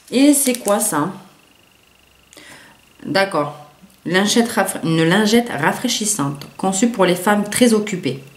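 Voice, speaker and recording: A woman with a low voice talks casually through a beauty unboxing, stumbling over words and filling pauses as she reads product blurbs aloud. The room adds a noticeable echo, with a faint hiss of background noise. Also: darkish tone. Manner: chatty, hesitant, many fillers and restarts, reads product blurbs aloud. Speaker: beauty vlogger.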